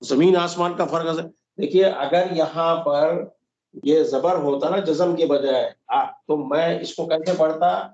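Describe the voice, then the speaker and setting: Patient male recitation teacher, goes step by step, gravelly voice, kinda echoey lo-fi audio. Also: a little high, steady tone, darkish tone. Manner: patient, explains step by step and models recitation slowly. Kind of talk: online tajweed class. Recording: dull lo-fi roomy audio.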